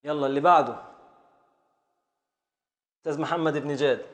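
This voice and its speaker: In a classroom lesson on Arabic prosody, a man with an Egyptian Arabic accent patiently drills his students, repeating and counting along with them. His voice is a little high and steady, and he speaks a little fast.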